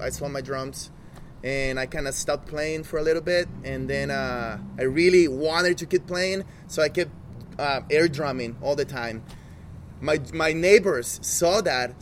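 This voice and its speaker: A man tells chatty, animated stories in a fairly high voice. Faint traffic drifts in from outdoors behind him. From El Salvador. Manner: animated, chatty anecdote-telling. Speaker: drummer. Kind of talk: casual storytelling.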